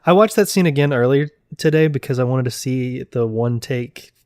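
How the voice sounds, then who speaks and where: Playful podcast co-host, dry close sound. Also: male voice, mid-range voice, darkish tone, no echo. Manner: playful, quick to laugh. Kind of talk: casual chat.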